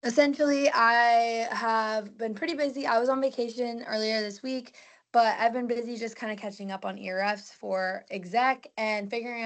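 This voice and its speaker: A young woman, the comptroller, giving a casual finance report with fillers. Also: medium pitch.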